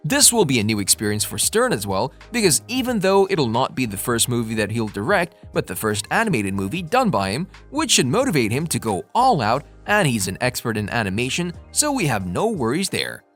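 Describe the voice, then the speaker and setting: A man's voice: mid-range voice, sing-song, brisk, few pauses, a bit bright. A man reading a scripted movie-news narration as the narrator. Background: faint music.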